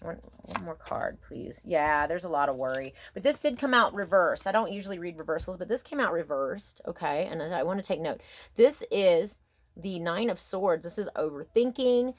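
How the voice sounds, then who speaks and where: A woman giving a casual, intimate tarot reading, thinking aloud in a halting, musing way and often checking in with the listener. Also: on the low side, lively intonation. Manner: musing, halting, asks herself questions and checks in with "okay?". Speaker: tarot card reader.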